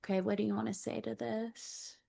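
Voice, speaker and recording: A woman's voice: on the high side, level tone, brisk, creaky, mellow, husky. A woman giving a channeled Akashic Records reading over a video call. She relays what her guides say, often repeats phrases and stops to ask them questions.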